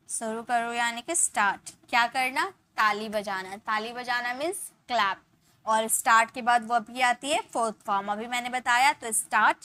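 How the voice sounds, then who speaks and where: A woman's voice: fairly high pitch, bright, forceful tone. A young Indian woman teaching a spoken English class, explaining step by step in an Indian English accent and repeating each example sentence.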